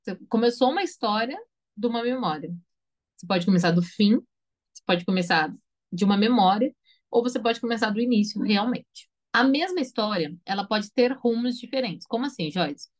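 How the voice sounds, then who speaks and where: A Brazilian woman teaching storytelling in a lively, conversational online lesson, now and then acting out example lines. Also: medium pitch, a little fast. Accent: Brazilian Portuguese.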